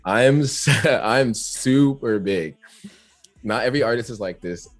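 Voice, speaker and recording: A man's voice: medium pitch, expressive, unhurried, dry recording, faint music behind. A man, a rapper, chatting as an interview guest, talkative and reflective and laughing often. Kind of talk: casual interview chat.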